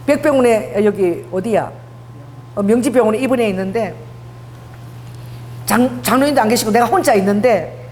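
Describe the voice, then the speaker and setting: A middle-aged woman pastor preaching a conversational sermon, telling personal stories and acting out the dialogue. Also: fairly high pitch. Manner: conversational, mixes casual and polite speech, acts out dialogue. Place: church prayer hall. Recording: long hall reverb, faint hum.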